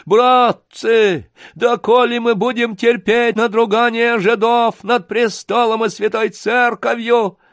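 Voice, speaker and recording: A man voicing a nasal, brutish male thug who shouts in a strained high voice, in an audiobook reading. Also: fairly even intonation, slow, few pauses, no room sound, studio quality, full character voice. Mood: whining.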